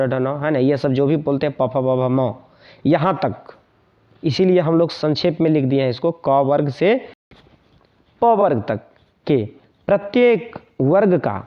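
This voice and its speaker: A male teacher explaining a grammar lesson, repeating points and often checking in with the students. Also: on the high side. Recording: dull lo-fi sound.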